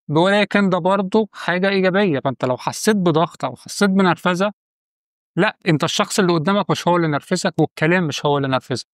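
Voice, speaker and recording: A man's voice: on the high side, no echo, clean studio sound. A man with an Egyptian Arabic accent giving direct, coaching advice to the viewer in a casual monologue. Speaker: channel host giving quit-smoking advice.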